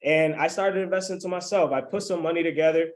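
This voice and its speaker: A man's voice: a little high, fast talker. A man in his twenties from the Dominican Republic, hosting a motivational webinar over a video call and keeping the audience engaged. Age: 20s. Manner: hyped, keeps checking in with the audience. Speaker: webinar host.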